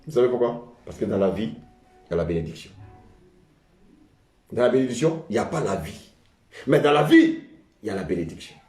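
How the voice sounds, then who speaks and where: A man's voice: on the low side, expressive, fairly quick, pauses often, darkish tone, faint music behind. French-speaking preacher man in an echoey hall. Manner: preaching with call-and-response; repeats "bien aimé" often. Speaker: pastor. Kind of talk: sermon.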